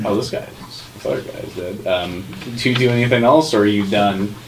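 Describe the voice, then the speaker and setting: A man's voice: fairly low pitch, lively intonation, normal speed, slight background noise, low-quality recording. A man running a tabletop game as game master, narrating casually with a dryly joking manner. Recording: group room with chatter behind.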